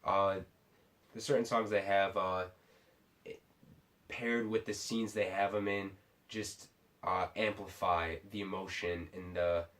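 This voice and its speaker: A tipsy man giving a casual, unscripted movie review in a rambling, halting way, often restarting his sentences. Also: low-pitched, flat delivery, a bit bright. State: tipsy from drinking sake. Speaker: film reviewer.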